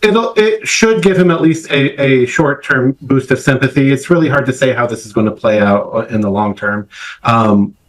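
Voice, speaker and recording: Middle-aged guy, professor type, talking careful and academic in a news interview, lots of uhs and ums, mid pitch. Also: low-quality recording. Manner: measured, academic, many "uh" and "um" fillers. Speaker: political science professor, interview guest.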